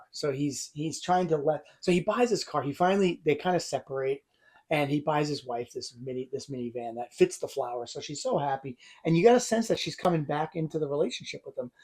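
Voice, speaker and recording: Husky-voiced man arguing his point. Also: a little high, fairly quick, a little mellow. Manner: argumentative, retells scenes in disbelief. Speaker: co-host. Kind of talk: casual movie discussion.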